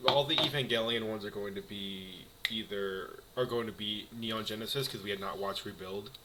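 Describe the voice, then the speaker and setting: A man's voice: on the low side, moderate pace. Young man ranking villains, noisy recording. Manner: opinionated, animated, frequent restarts. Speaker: co-host ranking movie villains. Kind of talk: casual chat.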